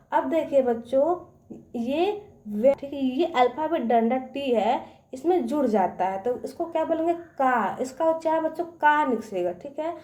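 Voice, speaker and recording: High-voiced woman teaching small children. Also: dark tone, reverberant. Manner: slow, stretched-out word-by-word dictation; keeps checking understanding with questions. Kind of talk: children's reading lesson.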